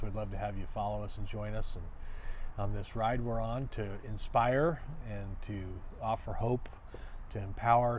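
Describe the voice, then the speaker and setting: A man's voice: medium pitch, darkish tone, a little hiss or hum. Upbeat male talk show host. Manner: upbeat, enthusiastic, with restarts. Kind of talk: friendly interview intro and questions.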